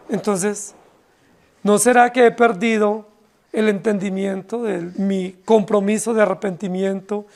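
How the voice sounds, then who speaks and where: A pastor from Colombia preaching an impassioned, pleading expository sermon to his congregation, often dropping his voice low on key words. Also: darkish tone. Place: church congregation.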